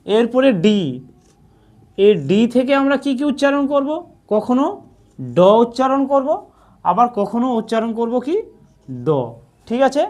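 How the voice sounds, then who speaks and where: A woman teaches a beginners' lesson in a patient, repetitive way. She asks a question, pauses, then answers it herself. She keeps checking in with the same short "all right" phrase. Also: a little high, a little mellow. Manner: repeats "ঠিক আছে" often. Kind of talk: scripted narration.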